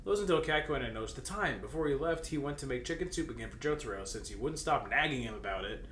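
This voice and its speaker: A man of medium pitch, animated and quick, gives a comedic reading of fan fiction. He plays it theatrically, adding jokes on the side, breaking into laughter and erupting into mock shouts. The audio carries a roomy echo and audible background noise.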